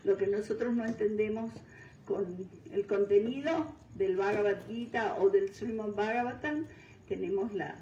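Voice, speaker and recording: Older woman, from Venezuela, mellow voice, distant echoey hall recording. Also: mid-range voice, muffled recording, a little hiss or hum. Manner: unhurried, searching for words, frequent fillers. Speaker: guest speaker. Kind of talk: devotional talk. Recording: distant mic in roomy hall.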